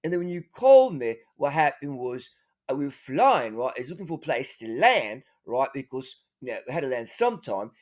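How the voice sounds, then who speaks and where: A man's voice: mid-range voice, very animated, a little fast. A man playing a father who rambles through a wild adventure story, full of fillers and tag questions.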